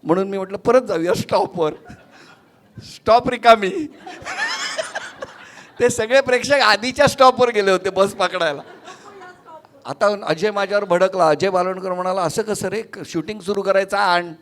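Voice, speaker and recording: A man with a notably high voice hosts a stage conversation. He tells a story with animated energy and acts out each line of dialogue as he goes. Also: normal speed, pauses often. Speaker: host. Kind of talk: lively stage anecdote.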